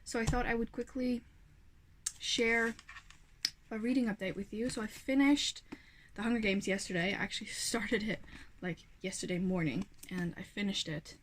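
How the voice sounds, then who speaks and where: A woman in her twenties with a medium-pitched voice talks at normal speed over slight background noise. Her first language is Dutch, and as a book vlogger she offers a casual, gushing reading update from home, frequently correcting herself.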